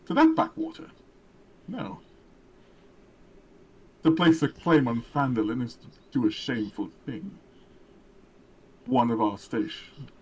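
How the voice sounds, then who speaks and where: A man's voice: mid-range voice, darkish tone, a little hiss or hum, rough recording. A man voicing a haughty, commanding female knight who speaks in formal, scornful tones.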